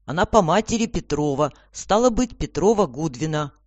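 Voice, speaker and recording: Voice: mid-range voice, expressive, normal speed, dry recording, close to an everyday voice. The storybook narrator voicing a nervous coachman who gives hasty replies. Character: nervous male coachman, quick-witted.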